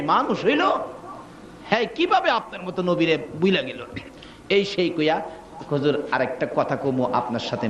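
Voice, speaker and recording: A man preaching a waz sermon, telling the story dramatically, acting out voices and breaking into shouts. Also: a little high, muffled recording, a little hiss or hum.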